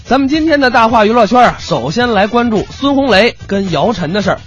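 A high-pitched male radio co-host with a colloquial Beijing accent and lively, swooping intonation. He chats casually in local slang, heard through a slightly dull broadcast sound. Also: quick pace, music in the background. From Beijing, China.

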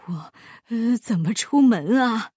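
A woman's voice: fairly high pitch, expressive, normal speed, husky, dry recording, studio quality. A woman voicing a stingy, greedy old landlord who stammers and blusters in a storybook reading. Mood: stammering greed. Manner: stammering, grasping, indignant.

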